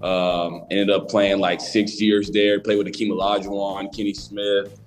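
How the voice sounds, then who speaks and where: A young man from Alabama, a college basketball player chatting as a podcast guest in a relaxed, rambling way. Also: lowish voice, unhurried, soft background music. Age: young adult. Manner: relaxed, rambling, many restarts. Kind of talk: casual interview chat.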